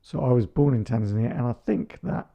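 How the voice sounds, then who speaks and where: A man's voice: mid-range voice, expressive, a little fast, creaky, highs cut off. A man in his thirties co-hosting a casual chat podcast with his wife, joking and teasing as he talks. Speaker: podcast co-host.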